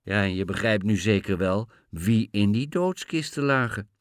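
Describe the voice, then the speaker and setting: A man reading a fairy tale aloud in a lively, expressive way. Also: lowish voice, moderate pace, dry recording, studio quality. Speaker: storyteller.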